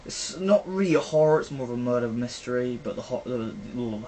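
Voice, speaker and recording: A young British vlogger's medium-pitched voice sounds warm and animated, moving a little fast. He chats and rambles casually about films, using plenty of fillers. Faint background noise sits in a poor-quality recording.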